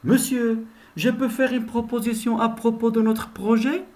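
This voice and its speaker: A man's voice: extremely high pitch, fairly even intonation, a little slow, a little mellow, voice pushed up. A man doing a polite pupil asking his teacher. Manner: polite, raised and careful. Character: polite young male pupil addressing teacher.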